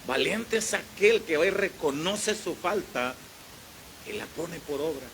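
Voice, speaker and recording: A man with a Mexican accent, a pastor preaching a sermon in church, animated and storytelling, swinging between loud and quiet. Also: fairly high pitch, measured pace, vocal fry, slight background noise, poor audio. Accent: Mexican Spanish.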